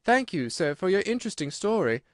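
A man's voice: high voice, big pitch swings, brisk, no echo, studio quality, pitched above the performer's own voice. A man voicing a polite, inquisitive young girl in a storybook, prim and a little indignant, with a light questioning delivery.

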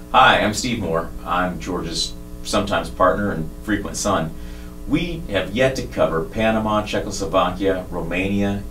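A man's voice: deep voice, a bit bright. A man giving a prepared, punchy tribute to a longtime campaign partner. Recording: roomy, distant mic with faint music.

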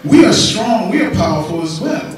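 A middle-aged man giving an award acceptance speech on stage, telling a story in an animated way and acting out the voices he quotes. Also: sits high, normal speed. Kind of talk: speaking on stage. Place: large cinema theater, indoors. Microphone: handheld mic, far camera. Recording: echoey theater from far off.

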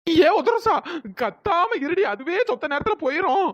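Bossy young woman for a cartoon: high, pushy, scolding. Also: lively intonation, measured pace, a bit bright, no room sound, lo-fi sound, exaggerated voice.

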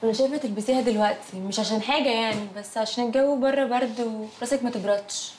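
A woman's voice: on the high side, rapid-fire, darkish tone, a little hiss or hum, lightly acted. A young woman with an Egyptian accent, acting in a TV drama with a blunt, teasing manner. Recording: roomy echo.

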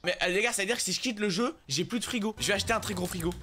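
A man giving slangy, excitable let's-play commentary as a gaming YouTuber, swearing and joking with viewers. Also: high voice, very fast. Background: background music.

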